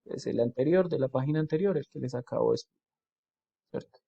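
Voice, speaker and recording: A male teacher explains an English worksheet step by step. He often checks with "¿cierto?" and slows down to model English phrases. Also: medium pitch, creaky, slightly rough, highs cut off. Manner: explains patiently, with frequent checks like "¿cierto?" and "¿listo?". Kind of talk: video tutorial lesson.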